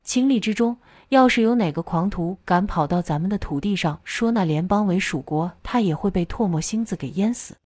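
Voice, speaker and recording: A woman of middle pitch reads a novel aloud as an audiobook. The recording is dry and close, with no room sound around her voice. She nudges her pitch up or down to voice each character. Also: animated, moderate pace, few pauses, darkish tone, no echo. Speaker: audiobook narrator. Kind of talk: scripted novel narration.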